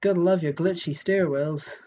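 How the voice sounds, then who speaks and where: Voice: medium pitch, steady tone, moderate pace, warm tone, lo-fi sound. A live streamer giving casual commentary while playing a game, thinking aloud and answering chat.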